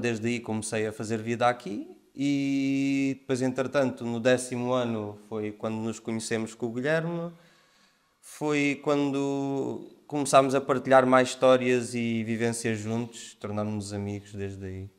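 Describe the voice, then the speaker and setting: A man in his twenties from Ukraine, a podcast guest talking in a relaxed, conversational way. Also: medium pitch, unhurried. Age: 20s. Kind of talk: casual interview conversation.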